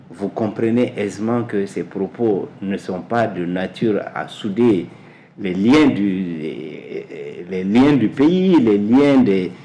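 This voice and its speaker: A man speaks slowly in a fairly low voice. He answers interview questions deliberately and repeats words as he searches for the right one. Faint noise sits under his voice. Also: warm tone. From Mali. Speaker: guest, energy specialist.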